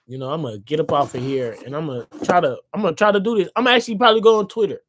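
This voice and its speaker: Man, high voice, tired, casual livestream book reading, loose and repetitive, talks to viewers. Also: racing. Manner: loose, talks to viewers, repeats words, calls for them to say things back. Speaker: author reading his own book on a livestream. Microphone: phone or computer mic on a livestream.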